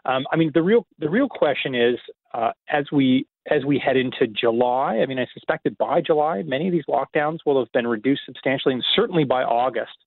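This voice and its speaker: A man, an economist guest, answering radio interview questions in a measured, explanatory way with many filler pauses. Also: mid-range voice, animated, creaky, dry recording. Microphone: phone call. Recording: tinny phone line.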